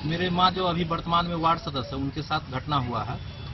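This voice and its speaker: Young male interviewee, earnest run-on account, fairly high voice, dull outdoor audio with heavy traffic noise. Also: brisk. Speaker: interviewee, victim's son. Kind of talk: on-the-spot interview.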